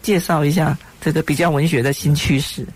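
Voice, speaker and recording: A middle-aged woman conducting a conversational radio interview, chatty and quick to chime in. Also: low-pitched, fairly even intonation, darkish tone, husky.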